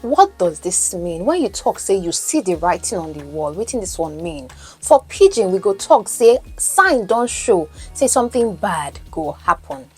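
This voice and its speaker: A woman's voice: medium pitch, big pitch swings, normal speed, darkish tone, breathy edge, soft background music. A Nigerian woman whose first language is Yoruba, teaching English as a coach and podcast host, explaining and asking the listener questions. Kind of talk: teaching lesson, mixing in Pidgin.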